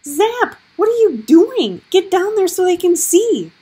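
A woman's voice: a little high, lively intonation, normal speed, vocal fry, slightly rough, pitched above the performer's own voice, full character voice. A woman voicing an anxious, stubborn young boy with an urgent, pleading way of talking.

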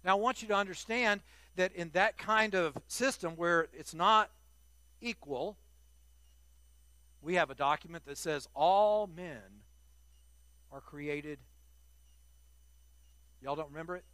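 A man's voice: high-pitched, a little slow, pauses often, bright, forceful tone, smooth, no echo. An older man preaching a sermon to his congregation, earnest and emphatic, often repeating words as he restarts a phrase.

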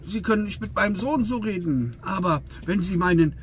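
A man doing a shrill, wailing trucking boss. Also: lively intonation, fairly quick, a little hiss or hum. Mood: indignant. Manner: high, exclaiming, dragged-out outbursts. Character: excitable, fussing male trucking company boss.

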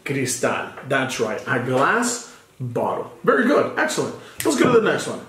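Speaking at normal speed, this man has a mid-range, slightly bright voice with huge swings in pitch. He's giving a child a patient bilingual vocabulary lesson, switching languages and spelling words letter by letter. Background noise carries through the echoey room.

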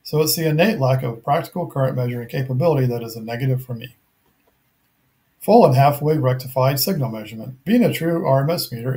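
With a darkish tone at medium pitch, a middle-aged man works through a scripted technical product review. His narration is measured and methodical, never more than matter-of-fact.

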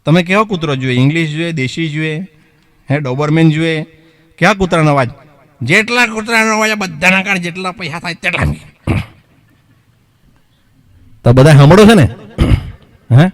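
A man's voice: on the high side, normal speed, long pauses. A male mimicry comedian telling comic stories and often asking the audience questions. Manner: chatty, asks the audience questions. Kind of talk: comic storytelling performance.

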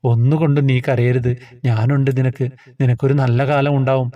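A man voicing a gentle old grandmother goddess who speaks slowly and soothingly. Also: medium pitch, level tone, distant mic, highs cut off, lightly acted. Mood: comforting.

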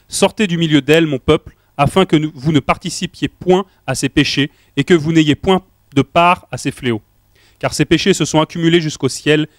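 A man reading a passage of scripture aloud in a steady, measured way. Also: on the high side, dry recording, clean studio sound. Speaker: scripture reader.

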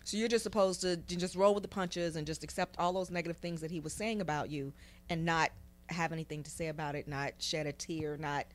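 A woman's voice: low-pitched, fairly even intonation, a little fast. A woman hosting an interview, reflecting back her guest's story and asking probing follow-up questions. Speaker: interview host.

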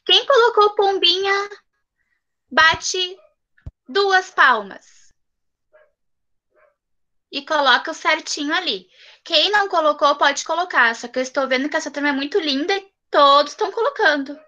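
Gaucho teacher lady on a video call with little kids, high bright voice, sweet and coaxing, drags out the syllables. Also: dull audio. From southern Brazil. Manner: affectionate, coaxing, drawn-out emphasis on syllables. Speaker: primary school teacher. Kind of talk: online class with young children.

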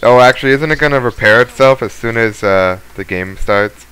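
A man's voice: mid-range voice, normal speed, fairly bright tone, clear, resonant tone. A young man co-hosting a casual gaming session, joking around and putting on a mock English accent. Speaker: gaming channel co-host.

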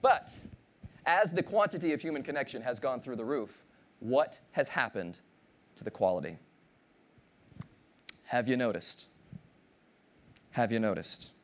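A man in his thirties giving a motivational keynote on a large conference stage, playful and animated, teasing and quizzing the audience. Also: mid-range voice, a little slow, long pauses. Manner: animated, playful, audience-engaging, acts out voices. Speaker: keynote speaker.

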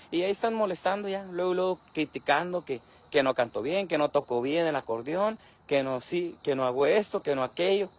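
A man, filming himself outdoors at night on a phone held at arm's length, complaining in an aggrieved, repetitive way. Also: fairly high pitch. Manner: aggrieved, repetitive, talks to his dog. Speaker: social media creator. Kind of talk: selfie video rant.

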